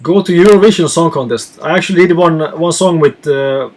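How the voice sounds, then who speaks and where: A man from Finland who reads out viewer questions and answers them in a relaxed live chat as a touring musician. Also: on the high side, a little fast.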